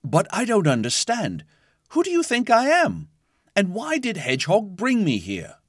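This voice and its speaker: A man voicing a bewildered young boy in an animated fantasy tale, asking questions in a hurried, incredulous way. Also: sits high, slightly rough, dry recording, clean studio sound, exaggerated voice. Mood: confused, incredulous. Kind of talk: scripted animated fantasy storytelling.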